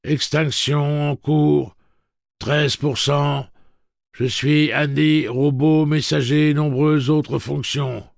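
A man voicing a male messenger robot that is powering down, reciting its shutdown message in a clipped monotone. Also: on the high side, slow, creaky, no echo, clean studio sound, voice pushed up. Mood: mechanical. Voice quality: monotone, clipped machine delivery. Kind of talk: audiobook character voice.

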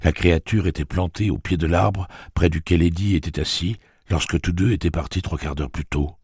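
A man reading a novel aloud as audiobook narrator, in an expressive, dramatic way. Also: deep voice, fairly quick, slightly rough, dry recording, clean studio sound. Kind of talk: scripted narration.

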